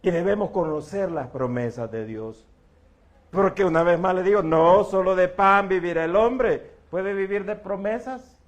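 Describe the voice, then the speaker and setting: Male pastor, middle-aged, high-pitched voice, folksy and joking sermon delivery, talks to the congregation as brother. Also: a little slow. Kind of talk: evening church sermon.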